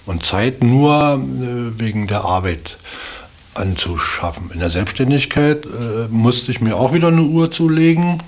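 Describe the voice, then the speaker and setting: A middle-aged man is interviewed and reflects in unscripted speech, stopping and repeating words while he looks for the right phrasing. His voice is medium-pitched and animated.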